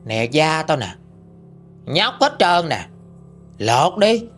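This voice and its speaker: A creepy old ghost woman with sagging skin taunts her victims in a story, her voice high and drifting, put on by a male narrator. She speaks, calling out eerily over faint music. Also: very animated, slow, a bit bright, heavily acted. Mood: taunting. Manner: taunting, eerie, raised voice.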